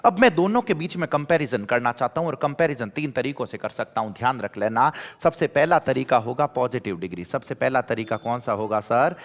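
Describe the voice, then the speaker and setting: A man's voice: mid-range voice, expressive, brisk, few pauses. Rajasthani-accented male teacher drilling grammar. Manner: asks students' questions aloud and answers them himself, drilling by repetition. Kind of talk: exam-prep classroom lecture. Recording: long hall reverb.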